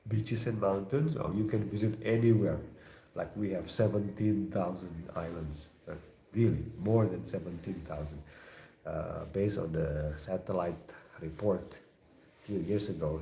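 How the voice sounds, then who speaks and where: A man with an Indonesian accent hosting a live chat room, talking casually and haltingly and often repeating short phrases. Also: low voice, warm tone. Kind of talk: casual chat, reading out chat messages. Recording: roomy echo, faint background noise.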